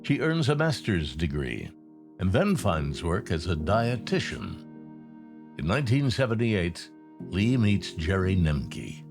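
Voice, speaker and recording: A man reading scripted true crime narration in a dramatic, measured storytelling delivery. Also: low-pitched, very animated. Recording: music playing behind the narration.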